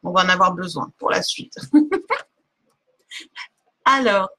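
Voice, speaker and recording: A woman's voice: fairly low pitch, lively intonation, extremely slow, pushed and bright. A woman giving a live oracle card reading on a stream, casual and hesitant, stopping often to search for words. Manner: many fillers and restarts, laughs at herself.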